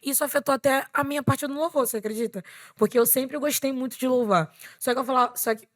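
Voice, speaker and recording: Young woman guest, fairly high voice, earnest testimony with emphatic repetition. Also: steady tone, fast. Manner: earnest storytelling, repeats phrases for emphasis. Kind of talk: personal faith testimony.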